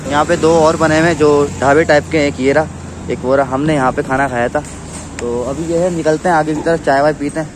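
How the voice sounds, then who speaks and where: A man's voice: on the high side, fairly even intonation, brisk, background noise. A man speaking through a face mask, chatting casually to camera as a food vlogger while he walks a night street market. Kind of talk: casual travel vlog narration.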